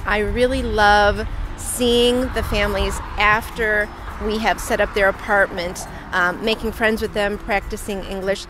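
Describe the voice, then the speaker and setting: A woman in her fifties, a church volunteer talking in a friendly, brisk way on a street corner. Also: medium pitch, fairly even intonation, over music. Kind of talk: casual outdoor talk to camera.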